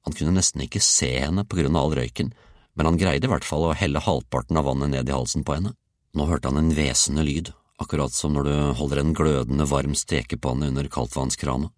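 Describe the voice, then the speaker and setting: A man reading a children's story aloud, with an expressive, playful delivery. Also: very deep voice, no echo, clean studio sound. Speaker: audiobook reader. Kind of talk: storybook narration.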